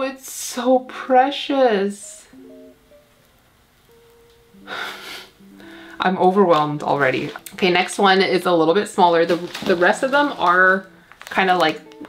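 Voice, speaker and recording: A Canadian woman with a Canadian accent hosting a casual plant unboxing vlog, chatty and gushing with excitement. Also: on the low side, normal speed, faint music behind. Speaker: plant channel host.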